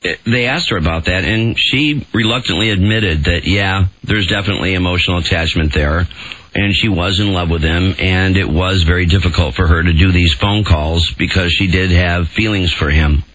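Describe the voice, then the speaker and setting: Casting: radio co-host man, bright tone, slightly high, muffled broadcast sound, agreeable. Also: moderate pace, no echo. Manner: agreeable, chuckling, emphatic. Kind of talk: radio talk show chat.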